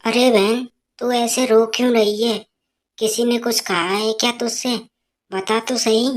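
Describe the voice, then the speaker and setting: A woman's voice: on the high side, little pitch movement, unhurried, lightly acted. A woman voicing a meddling neighbor woman in a cartoon story, coaxing and prying.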